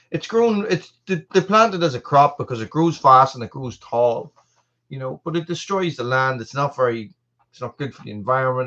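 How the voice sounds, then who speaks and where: A man's voice: medium pitch, a bit bright, highs cut off. An Irish man in his forties hosting a casual live stream, rambling along with lots of fillers and restarts. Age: 40s. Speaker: channel host.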